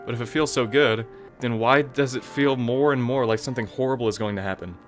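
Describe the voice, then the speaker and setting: A man reading a shy bookish girl's lines aloud in a game playthrough, in a soft, low, intense voice. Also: steady tone, brisk, faint music behind, natural voice. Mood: obsessive. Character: shy bookish teen girl turning obsessive.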